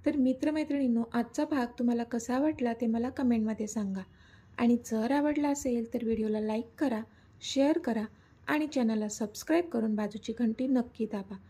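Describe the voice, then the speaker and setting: A woman narrating a romantic story series in a gentle, steady storytelling manner. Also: fairly high pitch, moderate pace, husky.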